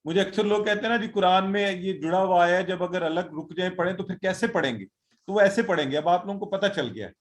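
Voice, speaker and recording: A man teaching an online Quran and Arabic class over a video call, encouraging and drilling students by slowly repeating Arabic words. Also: high voice.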